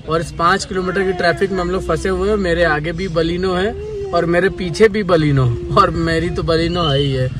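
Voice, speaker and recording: A man in his thirties, his voice sitting high, vlogs a road trip on a handheld phone, pointing out views and places to viewers as he drives and walks. The casual travel-vlog narration is enthusiastic and set outdoors on hill roads and in a car. The low-quality recording picks up traffic and wind noise outdoors.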